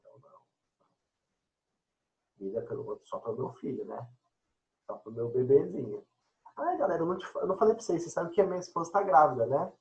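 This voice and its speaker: Chatty, joking man teacher, lively pitch. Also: fast, long pauses, muffled recording. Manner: chatty, joking, addresses students directly. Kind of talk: casual online class chat.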